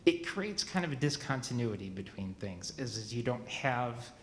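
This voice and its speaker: A man in his forties asking a new minister questions at a church meeting, halting and often restarting his sentences. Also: mid-range voice, lively intonation, roomy sound, big-room sound, slight background noise. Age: 40s.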